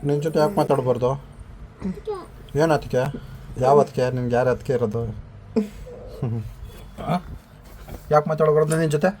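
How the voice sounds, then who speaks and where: A man's voice: a little high, fairly even intonation, darkish tone, slight background noise. A man, bantering playfully at home with his wife and small daughter. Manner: teasing, quick and playful. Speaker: vlogger, husband and father. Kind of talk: casual family banter.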